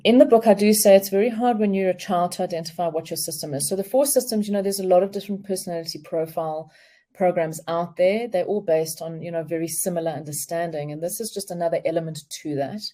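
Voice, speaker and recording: A woman speaking as a relationship expert on a video call, explaining in a calm, measured way. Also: on the low side. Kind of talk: remote interview, explaining.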